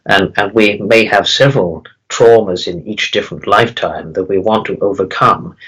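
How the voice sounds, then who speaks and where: A man speaking as a calm spirit guide in a seance medium's channeling session, teaching solemnly in halting, repeated phrases. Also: on the low side, slightly rough, low-quality recording. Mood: solemn, instructive. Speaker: trance channeler answering questions as a spirit guide.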